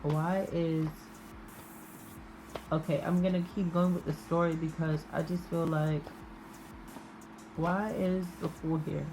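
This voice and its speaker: A woman with a low voice gives an intimate, off-the-cuff tarot reading. She speaks very slowly, musing and halting with long pauses between phrases. There is clear noise behind her voice. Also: level tone. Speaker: tarot reader.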